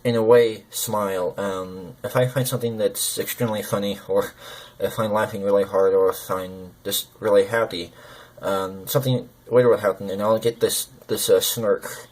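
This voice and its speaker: A man talking personally to camera, hesitant and halting, with slurred lip consonants as if numb from the dentist. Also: lowish voice, fairly even intonation, darkish tone, poor audio. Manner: hesitant, halting, searching for words. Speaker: gaming video creator.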